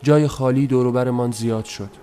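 A man reading a story aloud in a soft, measured, somber voice, as scripted narration. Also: medium pitch, fairly even intonation. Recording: noisy recording.

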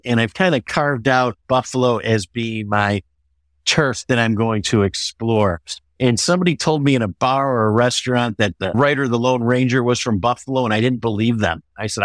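A middle-aged or older American man with a medium-pitched voice answers interview questions as an author. He explains things in a measured way, and there's no echo.

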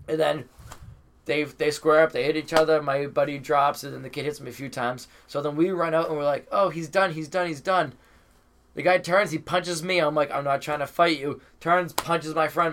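A man's voice: fairly high pitch, fairly bright tone, a little hiss or hum. A man from Massachusetts, a stand-up comic and podcast guest, telling a crude, rambling story full of swearing and filler words. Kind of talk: casual chat, storytelling.

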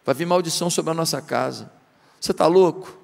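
A man's voice: fairly high pitch, brisk, gravelly, darkish tone, long reverb tail, voice pushed down. A preacher voicing a pleading wronged young woman. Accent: Brazilian Portuguese.

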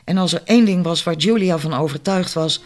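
A man reads a novel aloud in calm, scripted narration. His voice sits a little higher than most men's. He keeps an even storytelling pace. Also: fairly quick. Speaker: audiobook narrator.

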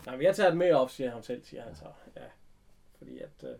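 Gravelly man retelling a story. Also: medium pitch. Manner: animated retelling, acting out characters' lines. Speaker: recapping a TV episode. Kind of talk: casual chat.

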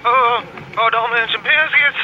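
A man's voice: extremely high pitch, unhurried. A man voicing a hungover, rambling reporter who groans and answers with puns. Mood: groggy. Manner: groaning, dazed and punning. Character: hungover, rambling, punning goofball male reporter. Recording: dull, lo-fi, faint noise.

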